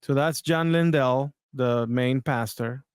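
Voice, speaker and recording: A man's voice: medium pitch, slow, noisy background. A man hosting a podcast, talking casually and a bit hesitantly as he comments on video clips. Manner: conversational, hesitant, with restarts. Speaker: podcast host.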